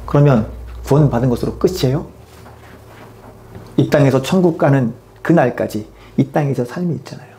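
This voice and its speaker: A man's voice: medium pitch, lively intonation, moderate pace, pauses often, dark tone. A man preaching a sermon as pastor, emphatic and full of rhetorical questions to the congregation.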